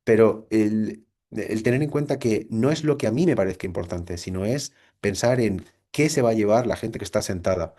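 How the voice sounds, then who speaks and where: Speaking at a normal speed in a warm voice on the low side, a middle-aged man from Spain delivers a reflective lecture to his computer. His Spanish accent comes through the computer mic as he poses rhetorical questions and often starts over.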